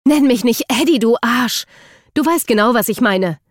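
A woman voicing a furious young woman who feels betrayed, shouting accusations bitterly. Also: mid-range voice, normal speed, no room sound, clean studio sound, natural voice.

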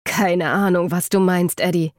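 A woman's voice: fairly low pitch, steady tone, measured pace, no echo, clean studio sound, lightly acted. A woman voicing a sly young man who plays innocent, casual and dismissive.

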